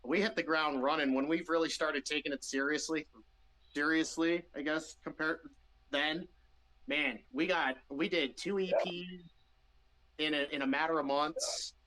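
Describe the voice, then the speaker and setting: A man's voice: on the high side, steady tone, a little slow, bright, forceful tone, rough recording. A man with a Midwestern American accent, a band member chatting casually in an interview, rambling with restarts and easy laughs.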